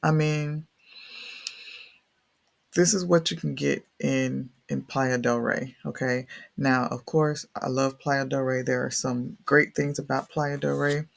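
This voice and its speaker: Male host, thick Southern US accent, heavy vocal fry, casual rambling tour commentary, folksy and unscripted. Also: medium pitch, flat delivery, slow. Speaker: real estate video host.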